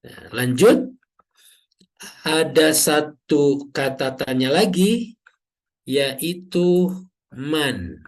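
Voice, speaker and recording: A man teaching Arabic grammar in an online class, explaining slowly and drawing out example words, often checking in with "ya". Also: mid-range voice. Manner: slow, drawn-out teacher's explanation with frequent "ya" checks.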